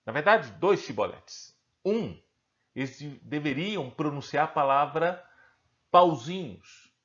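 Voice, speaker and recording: A man's voice: on the high side, lively intonation, a little slow, fairly bright tone. Brazilian man teaching, slightly dull recording. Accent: Brazilian Portuguese. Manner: asks himself questions and answers them, checks in with the viewer. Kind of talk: recorded online lesson.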